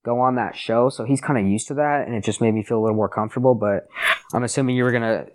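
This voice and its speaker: Young American male podcast guest, mid-pitched, casual bro-style storyteller, lots of "dude.". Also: fast talker, a little mellow. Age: young adult. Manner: laid-back bro talk peppered with "dude" and "like". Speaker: podcast guest, sports podcast host. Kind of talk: casual chat, telling stories.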